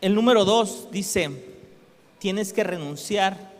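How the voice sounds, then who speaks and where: A high-pitched male preacher delivers a sermon. He keeps it conversational and asks the congregation questions as he goes. His voice carries a long, echoing reverb from the hall. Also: slow.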